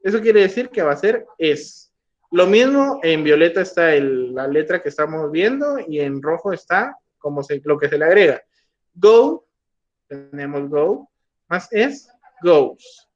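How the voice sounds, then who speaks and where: A man with a slightly high voice explains grammar rules at a very unhurried pace. He repeats each point patiently and models words one by one. The recording sounds muffled and lo-fi. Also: big pitch swings. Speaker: English teacher. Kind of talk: slow classroom explanation. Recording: dull lo-fi recording.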